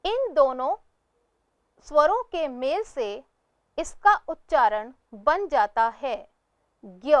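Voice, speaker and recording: A woman with a high voice teaches at a very slow, deliberate pace. She sounds out each syllable on its own, then asks her pupils questions and answers them herself. The recording is dry and close, with no room echo. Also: big pitch swings, a bit bright. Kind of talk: slow scripted lesson narration.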